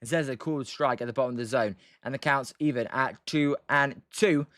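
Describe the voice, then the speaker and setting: A young British man rambles through casual game commentary on his livestream, pausing for chat replies and hesitating with many ums and uhs. His mid-range voice is fairly bright and moves at a moderate pace, in a dry, studio-quality recording.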